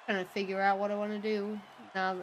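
A woman's voice: mid-range voice, little pitch movement, quick pace, a little hiss or hum, rough recording. A young woman co-hosting a casual game stream, chatting in a rambling way and reading out viewer messages. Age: young adult. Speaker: co-host.

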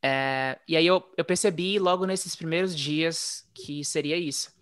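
A man telling his story in a relaxed, chatty way, as a guest in a casual interview. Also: a little high, measured pace, clean tone, no echo, clean studio sound. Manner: relaxed, chatty, frequent "né?" tags. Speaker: interview guest, former English teacher living abroad.

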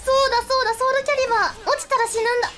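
A woman streaming a fighting game, chatting casually, often laughing and yelping excitedly as she plays, with game music behind her. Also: very high-pitched, racing. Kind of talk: casual game livestream chat.

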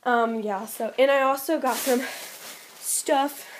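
A young woman talks into her camera at home, chatting through a shopping haul. Her voice sits a little high, and she peppers her talk with "like" and quick giggly asides. A faint hiss sits under the recording. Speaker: vlogger. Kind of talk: casual haul vlog.

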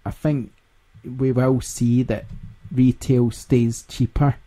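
Chatty Scottish man with a mellow voice. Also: medium pitch, flat delivery, slow pace. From Scotland. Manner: chatty, laughs often, rambling. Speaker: podcast host. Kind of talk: casual podcast chat.

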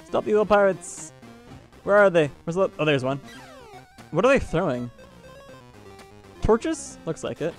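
A man's voice: fairly high pitch, big pitch swings, unhurried, long pauses, faint music behind. Jumpy man in let's play commentary. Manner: jumpy, exclaiming, laughing often. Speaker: host.

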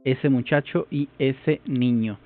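A man's voice: mid-range voice, slow, over music. A man vlogging his first try at a new language, thinking aloud hesitantly and repeating phrases as he works them out. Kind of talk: casual thinking-aloud commentary. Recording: tinny phone-like sound.

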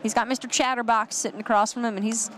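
A male color commentator talks up the players with enthusiasm and encouragement. His voice lifts as he gets excited about bold plays. Faint background noise sits under the mic. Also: very high-pitched, fast. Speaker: tournament co-commentator.

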